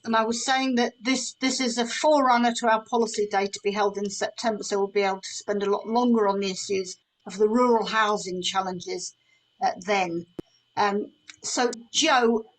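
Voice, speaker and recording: A woman hosting an informal online meeting and introducing a speaker in a halting, hesitant way. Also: medium pitch, rough recording.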